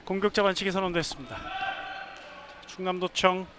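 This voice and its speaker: A man doing live handball play-by-play, given to shouted, drawn-out goal calls. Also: high voice, fairly even intonation. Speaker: sports play-by-play announcer. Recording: clear arena noise behind the voice.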